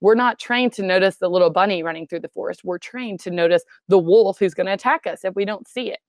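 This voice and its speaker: A woman's voice: mid-range voice, quick pace, no room sound. A woman explaining mental performance for athletes in a chatty, conversational way, often asking "right?". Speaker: sports psychology guest.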